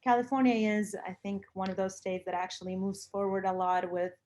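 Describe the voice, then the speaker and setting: A woman's voice: mid-range voice, level tone, a little fast, darkish tone. A woman from Lithuania, speaking casually and earnestly, with emphatic repetition. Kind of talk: casual conversation about personal views.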